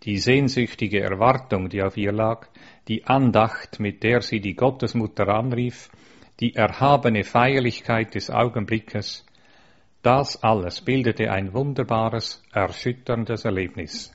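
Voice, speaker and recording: A man earnestly reading aloud a religious eyewitness account, measured and steady, with a few small stumbles. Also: fairly low pitch. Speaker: narrator. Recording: dull lo-fi recording.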